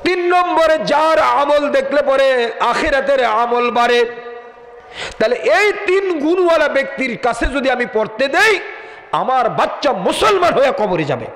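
A man's voice: very high-pitched, expressive, normal speed, fairly bright tone. A man preaching a sermon, firing rhetorical questions at the crowd and chanting some phrases in a sing-song way. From Bangladesh. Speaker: Islamic preacher. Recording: echoey hall with long reverb.

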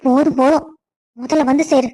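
A woman's voice: high-pitched, steady tone, brisk, dark tone, close to an everyday voice. A woman voicing a scheming, stern middle-aged stepmother in a cartoon story, who scolds and gives orders. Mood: scolding. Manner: bossy, scolding.

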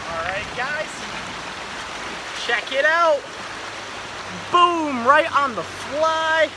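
High-voiced excited man on a noisy riverbank. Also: drawn-out words. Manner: excited, exclaiming over catches. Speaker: fishing vlogger. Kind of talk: casual outdoor vlog commentary. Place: riverbank outdoors. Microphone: action camera. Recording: loud river and outdoor noise.

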